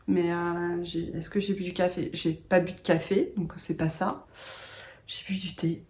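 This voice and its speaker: A woman's voice: fairly low pitch, little pitch movement, a little slow, a little mellow. Woman, yarn-shop knitter, casual vlog chatter: chatty, self-mocking, laughs a lot, lots of hesitations.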